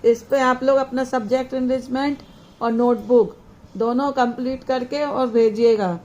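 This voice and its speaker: Slow, careful woman teacher. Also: a little high, fairly even intonation, a little mellow. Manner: slow, deliberate, spelling out words one by one. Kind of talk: online class lesson for children.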